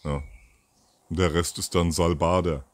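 A man in his fifties hosts a casual solo commentary show outdoors by a garden, speaking into a furry-windscreen mic near the camera. He rambles with many fillers and self-corrections. His voice is deep, steady in tone, and a little slow, with no room sound.

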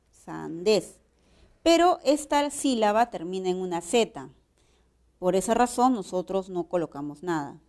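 Slow-paced Peruvian woman teaching grammar. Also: mid-range voice, a little mellow. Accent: Peruvian Spanish. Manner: slow and explanatory, checks with rhetorical questions. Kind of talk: grammar lesson.

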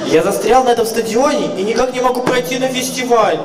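Guy doing eager kids cartoon explorer boy, really high voice, exclaiming, distant in echoey hall with crowd. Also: fast. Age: young adult. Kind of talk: children's cartoon parody stage skit. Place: large theatre stage, filmed from audience. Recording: echoey hall from far off, loud music, crowd.

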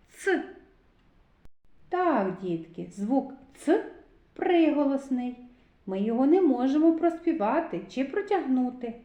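Slow, sing-song woman teacher in an echoey room. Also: sits high, dark tone. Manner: slow, clear and sing-song, drawing out words syllable by syllable. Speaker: kindergarten teacher. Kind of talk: recorded literacy lesson for preschoolers.

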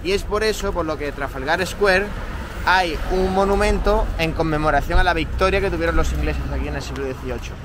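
A man's voice: a little high, fast talker, background noise. A man in his twenties from Spain with an Andalusian accent, telling a story in an explanatory way while walking outdoors. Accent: Andalusian Spanish. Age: 20s. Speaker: lawyer, friend on the trip. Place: outdoors by a road.

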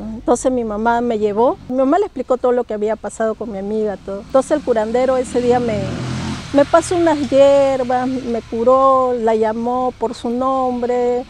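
A woman's voice: on the high side, fairly even intonation, normal speed, darkish tone, slight background noise. A middle-aged woman telling a personal ghost story, emotional and hesitant, often repeating her words. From Peru. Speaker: guest storyteller. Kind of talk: personal paranormal testimony.

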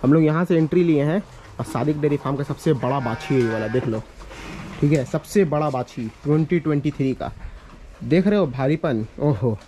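A young male vlogger with a lightly high, mellow voice briskly guides viewers on a casual walk through village lanes and a cattle shed, giving directions and a farm tour. He addresses them repetitively and instructively. Shot on a handheld camera at arm's length, the outdoor recording carries plenty of ambient noise.

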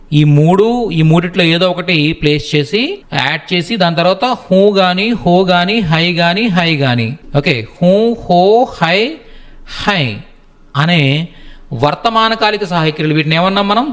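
A man teaching a language lesson. He keeps checking whether the learner follows, and he slows down to sound out each example sentence. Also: fairly high pitch, a bit bright. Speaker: Hindi tutor.

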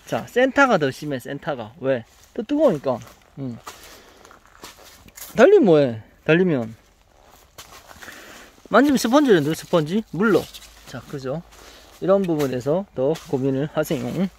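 A man's voice: fairly high pitch, very animated, measured pace, long pauses, husky. A man with a Gyeongsang accent, a crop consultant talking through a field visit, questioning and teasing as he coaches. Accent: Gyeongsang Korean. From Gyeongsang region, Korea. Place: outdoors in a farm greenhouse.

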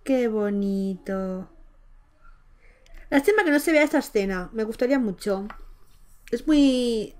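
A woman's voice: high voice, expressive, normal speed, darkish tone. A woman from giving chatty, affectionate gameplay commentary as a Let's Play host, cooing over a baby character with many exclamations.

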